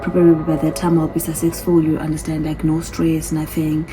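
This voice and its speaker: A woman in her thirties, from a different continent, vlogs a casual get-to-know-me Q&A on her phone, reading the questions aloud, chatting and often repeating her answers. Her voice is deep and completely flat, fairly quick, with music behind her and poor audio.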